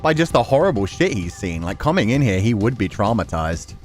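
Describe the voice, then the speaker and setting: Brisk and sing-song, a lowish male voice streams a visual novel, reading text aloud and offering casual, unfiltered reactions full of swearing. Faint music can be heard behind him.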